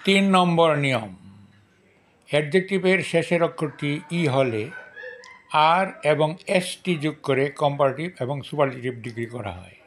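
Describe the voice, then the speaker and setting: A man's voice: on the high side, animated, normal speed, fairly bright tone. A man with a Bengali accent teaching English grammar, reading each rule twice and then listing word forms one by one. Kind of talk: slow dictation-style grammar lesson.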